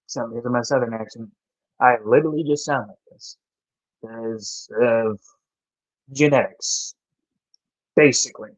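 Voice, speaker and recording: On his live stream, a young man from the American South rambles and restarts often while reading and answering viewers' chat. His voice sits in the mid range, picked up by a dull, dry home mic with no echo.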